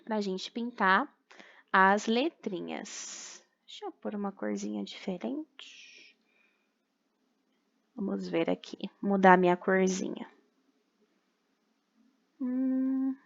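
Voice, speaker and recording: A woman's voice: medium pitch, slow, vocal fry, pauses often, dull audio. A young woman teacher with a Brazilian Portuguese accent, patiently sounding out syllables for young children in a recorded remote class. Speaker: primary school teacher.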